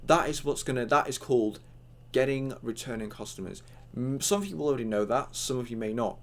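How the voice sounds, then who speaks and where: A man's voice: mid-range voice, lively intonation, brisk. A young man with hiccups giving a casual, rambling online tutorial, full of fillers and acted-out chat lines.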